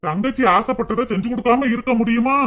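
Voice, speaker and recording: A performer voicing a soft-hearted husband and brother with a Tirunelveli Tamil accent in a cartoon, soothing everyone around him. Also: medium pitch, fast, natural voice. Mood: placating.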